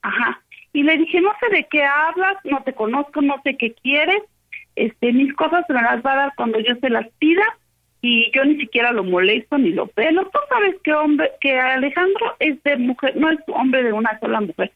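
High-voiced Mexican woman on a tinny phone line. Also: moderate pace. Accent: Mexican Spanish. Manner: animated storyteller, quotes both sides. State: upset, agitated. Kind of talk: casual phone chat, retelling an argument.

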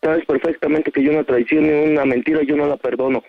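A man's voice: fairly high pitch, steady tone, fast, vocal fry, no echo. A man with a Mexican accent arguing heatedly on a phone call, curt, angry and swearing, threatening to leave. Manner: foul-mouthed. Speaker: prank call victim on a radio show.

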